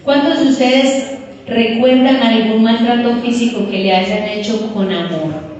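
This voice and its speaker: A woman's voice: fairly high pitch, a little slow, recorded from a distance, dull audio, slight background noise. Woman preaching in an echoey hall. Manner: addresses listeners as "queridos", animated storytelling. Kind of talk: sermon. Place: church hall.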